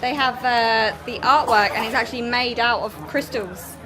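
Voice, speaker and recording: A woman's voice: fairly high pitch, moderate pace. A British woman giving casual, chatty travel vlog narration straight to her viewers. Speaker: family travel vlogger. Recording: noisy busy public places, crowd chatter behind. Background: crowd chatter and urban bustle.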